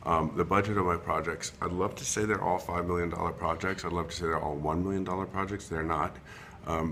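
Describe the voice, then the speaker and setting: A man in his fifties with a low voice talks haltingly into a computer webcam, stopping for ums and restarting his sentences as he goes. It is an unrehearsed self-recorded introduction, with a faint hiss of noise behind him. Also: a bit bright. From Long Island, New York. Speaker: interior designer.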